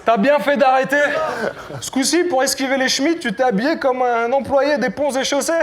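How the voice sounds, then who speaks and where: A man delivering a rap battle verse, mocking his opponent with punchlines and shouting at times. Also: very high-pitched, normal speed, a loud crowd, heavy background noise. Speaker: battle rapper.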